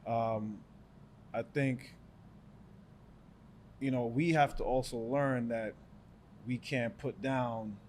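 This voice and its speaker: A man's voice: medium pitch, steady tone, slow pace, long pauses, a little mellow. Jamaican-born young male co-host, reflective, chatty, faint background noise. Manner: reflective, many fillers. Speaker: podcast co-host. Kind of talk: casual chat.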